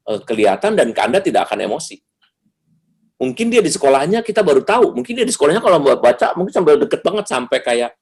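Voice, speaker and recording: An animated man gives a seminar talk over a video call, his pitch swinging widely as he moves between explanation and acted-out exchanges. His voice sits at an ordinary middle pitch when he is plainly explaining. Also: husky. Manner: animated, acts out dialogue with jumps in pitch. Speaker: seminar speaker.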